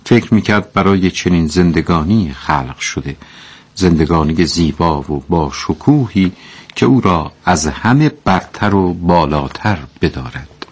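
A man giving measured scripted narration and explaining a story. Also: low voice, expressive, slightly rough.

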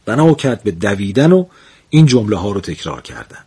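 A man telling a humorous folk tale as a lively storyteller who chuckles between scenes. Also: lowish voice, slightly rough.

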